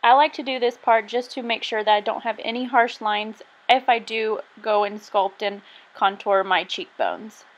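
A woman's voice: fairly high pitch, fairly even intonation, normal speed. A young woman casually narrating her makeup tutorial in a chatty, self-deprecating way. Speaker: beauty vlogger.

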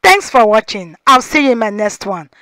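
A woman with a Nigerian accent hosting a talk show, giving lively commentary with rhetorical questions. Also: a little high, normal speed, dry recording. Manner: animated, rhetorical, mixes Pidgin and Yoruba. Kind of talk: casual commentary monologue.

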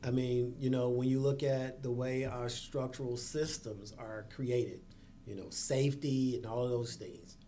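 A man's voice: medium pitch, fairly even intonation, a little slow, mellow, a little hiss or hum. A man speaking as a guest on a school district podcast, earnest, with sarcastic asides. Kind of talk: podcast conversation.

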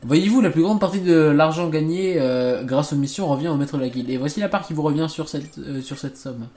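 A man's voice: on the high side, brisk, darkish tone, close to an everyday voice. A man reading the lines of a stern, formal guild official from a game. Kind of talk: reading game dialogue aloud.

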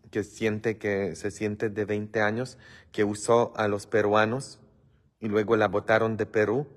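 Priest, casual live chat, unhurried rambling, echoing church sound. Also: male voice, lowish voice. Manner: slow, rambling, many murmured hums. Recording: long hall reverb.

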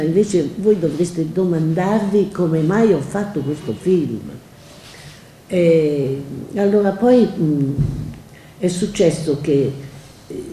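Older woman telling stories in an echoey hall. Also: low-pitched. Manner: lively anecdotal, quoting others in dialogue. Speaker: guest speaker. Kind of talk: storytelling at a public event. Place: library event hall. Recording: echoey hall, faint noise.

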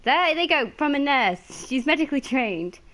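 A woman chats casually while she streams a video game. She greets viewers by name and laughs easily. Her voice sits a little high and moves around a lot in pitch. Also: big pitch swings, normal speed, fairly bright tone.

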